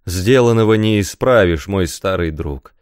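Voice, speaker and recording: A man reading aloud voices a tormented, volatile young man who breaks into strained shouting. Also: on the low side, big pitch swings, moderate pace, no echo, studio quality. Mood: gentle. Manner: outbursts of raised, strained shouting.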